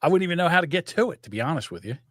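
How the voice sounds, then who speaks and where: Very fast and on the high side, this older man's voice carries profane, animated storytelling as he rambles in casual chat as a podcast co-host. He's from South Jersey, and the clean studio sound has no echo.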